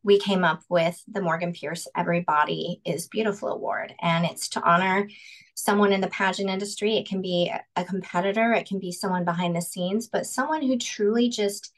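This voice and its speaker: A woman's voice: lowish voice, steady tone, a little fast, low-quality recording. A woman in her forties, a pageant director, talking earnestly and reflectively on a video call, with many ums. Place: home room indoors.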